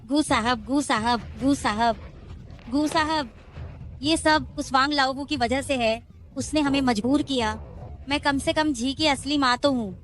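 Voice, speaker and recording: A woman's voice: sits high, measured pace, a little hiss or hum. An actress playing a greedy, scheming middle-aged mother who sneers and then pleads shrilly. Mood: pleading.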